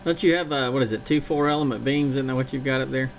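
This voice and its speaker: This CB radio chat comes from a man near Charleston, South Carolina, speaking quickly at a medium pitch. Loud static runs under his technical, no-nonsense talk about his gear.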